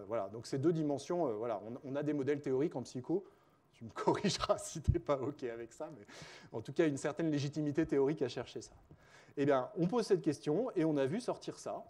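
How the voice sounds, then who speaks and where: A man's voice: medium pitch, dark tone. A man giving a spontaneous conference lecture as a researcher, chatty, with frequent fillers, self-corrections and wry joking asides.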